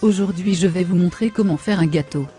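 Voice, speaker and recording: A woman's voice: lowish voice, fairly quick, warm tone, faint music behind, lightly acted. A woman voicing a vain, foul-mouthed young woman, brash and insulting in comic machinima. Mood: bossy. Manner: brash, insulting, self-satisfied.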